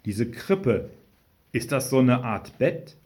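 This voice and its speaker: A man's voice: lively intonation, slow, darkish tone. A man voicing a small, clueless boy who keeps asking questions. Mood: curious. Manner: high, wondering questions.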